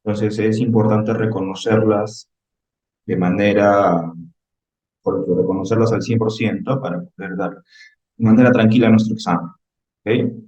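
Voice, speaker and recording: A man's voice: on the low side, fairly even intonation, measured pace, long pauses, a little mellow. A man teaching an English vocabulary lesson in Spanish, patient and repeating "ok?" to check on his students. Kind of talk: classroom lesson reviewing vocabulary. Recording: roomy, slightly dull recording.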